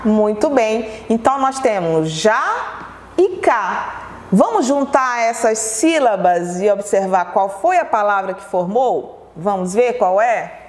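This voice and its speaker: A woman's voice: a little high, reverberant, long reverb tail, slight background noise. A woman from Brazil teaching a televised lesson to children, patiently asking questions and answering them herself.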